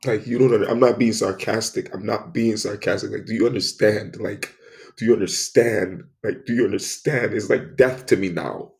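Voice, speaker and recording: A man delivering an intense, emphatic spoken monologue, repeating phrases and swinging between loud outbursts and soft asides. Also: on the low side, fairly even intonation, normal speed, gravelly.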